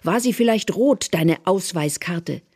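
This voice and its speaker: A reader voicing a fierce young woman interrogator who shouts harsh demands, with a husky voice, in a radio drama. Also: medium pitch, expressive, slow pace, dry recording, studio quality, voice pushed up, heavily acted. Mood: shouting fury. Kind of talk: German radio drama reading.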